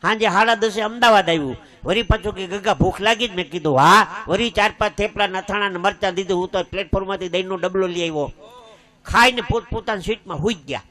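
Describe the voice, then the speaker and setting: Comic storyteller, man, high and bright, folksy delivery. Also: quick pace. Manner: folksy anecdote with acted quotes. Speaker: comedian.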